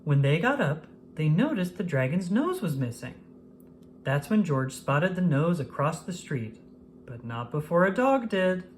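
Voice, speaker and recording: A woman with a low voice reads a children's story aloud at a measured pace. Her intonation rises and falls in a lively, expressive way for young listeners, with some background noise behind her.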